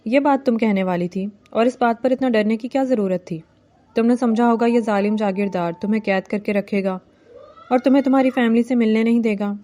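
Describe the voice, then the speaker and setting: Domineering male landlord husband read by a woman, commanding, mellow tone, storybook reading. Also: fairly high pitch, natural voice. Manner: commanding, teasing. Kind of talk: novel reading.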